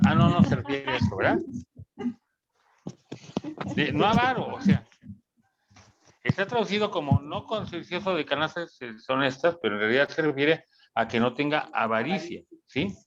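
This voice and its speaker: A man's voice: on the high side, noisy background. A man, a pastor teaching a ministry class, explaining Greek words and asking his students questions. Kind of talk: classroom Bible teaching, conversational. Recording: dull lo-fi sound.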